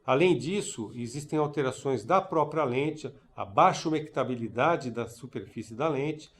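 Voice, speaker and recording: A man giving a recorded conference lecture on eye care, halting, with many fillers and restarts. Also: medium pitch, lively intonation. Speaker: ophthalmology lecturer.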